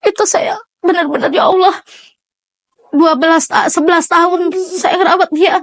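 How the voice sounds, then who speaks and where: A middle-aged woman telling a personal story in an interview, halting and emotional, with many restarts. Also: very high voice, fairly even intonation, fairly bright tone, no echo. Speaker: interviewee, mother of a sick child.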